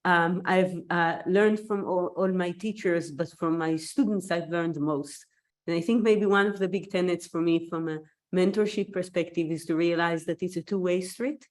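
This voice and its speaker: An invited scientist, a Hebrew-speaking woman from Israel, gives a thoughtful online seminar talk over a video call. Her voice sits on the low side, with a steady tone and moderate pace. She is recovering from an illness and coughs now and then.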